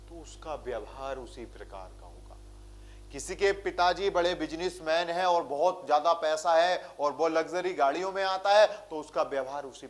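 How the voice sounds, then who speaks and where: A male teacher with a rural Hindi way of speaking, giving an exam-prep lecture and answering his own rhetorical questions. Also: a little high. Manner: speaks with a village-style way of talking.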